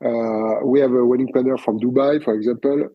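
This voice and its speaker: A man with a French accent and French as his first language, talking in a casual interview as a guest photographer, halting with many fillers. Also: medium pitch, fairly even intonation, dry recording, muffled recording. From France.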